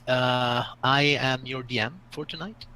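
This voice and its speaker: A man from Italy runs a tabletop game stream as game master, hesitating often and filling gaps with filler sounds. His mid-range voice moves at a measured pace, bright and forceful in tone.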